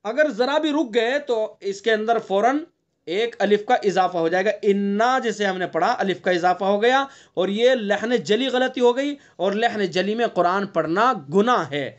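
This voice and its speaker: A man teaching Quran recitation, patiently drilling each word and chanting the verses slowly. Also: sits high, muffled recording. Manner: patient, drills words by repeating them slowly; chants verses in a slow drawn-out style. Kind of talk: tajweed lesson with recitation.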